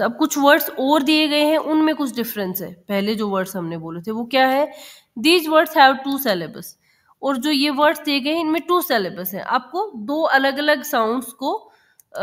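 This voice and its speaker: A woman teacher explaining a children's textbook lesson, reading English lines slowly and then explaining them in Hindi mixed with English, repeating words aloud. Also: sits high, fairly bright tone.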